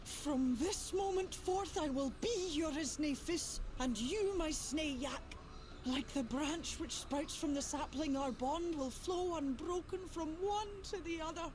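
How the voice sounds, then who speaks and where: A mischievous fantasy game pixie with a very high, lilting voice. She speaks like a leprechaun, theatrical and excitable, with a regal streak. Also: measured pace, soft background music. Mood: gleeful, commanding. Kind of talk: scripted fantasy video game acting.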